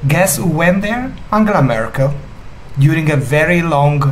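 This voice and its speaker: A man's voice: on the high side, lively intonation, normal speed, slight background noise. Enthusiastic man on a food tour. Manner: enthusiastic, chatty. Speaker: food vlogger and guide. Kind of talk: casual food tour chat. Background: music.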